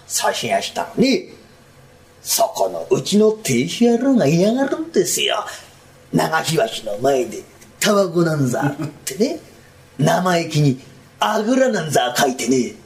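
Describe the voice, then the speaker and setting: A bumbling Edo townsman rambles through his tale in rough, sheepish street talk, played by a man doing rakugo. His voice sits fairly high and bounces widely in pitch. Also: sing-song, unhurried, heavily acted. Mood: rambling. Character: bumbling boastful Edo townsman Kuma, smitten. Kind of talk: rakugo storytelling.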